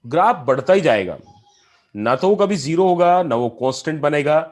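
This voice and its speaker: Male math teacher, step-by-step lecture, animated and slightly high-pitched. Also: moderate pace. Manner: explains step by step, asking students questions; mixes in English math terms. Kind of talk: classroom lecture on calculus.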